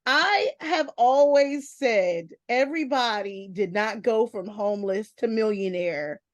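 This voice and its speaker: A woman's voice: a little high, unhurried, dry recording. A woman from South Carolina hosting an interview, chatty and familiar, teasing her guest in a friendly way. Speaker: interviewer, magazine host. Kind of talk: casual interview chat.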